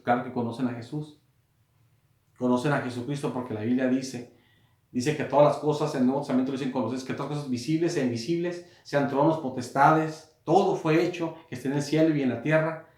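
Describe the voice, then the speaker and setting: A man preaching a sermon in a small room, repeating and rephrasing his points and rising to loud emphasis on quoted words. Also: mid-range voice, steady tone, fairly quick, echoey room. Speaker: pastor.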